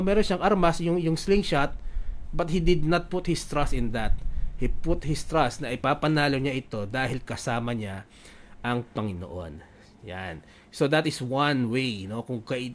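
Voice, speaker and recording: Filipino man preaching in Taglish. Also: on the high side. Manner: Taglish preaching with frequent tag questions, reads scripture aloud. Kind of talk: sermon.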